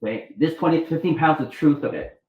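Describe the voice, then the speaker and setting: This guest, a middle-aged Vietnamese doctor and author, has a fairly high, brisk voice and tells rambling anecdotes in a storytelling interview. He keeps restarting and performs the quoted lines himself, all captured with a roomy echo and muffled sound.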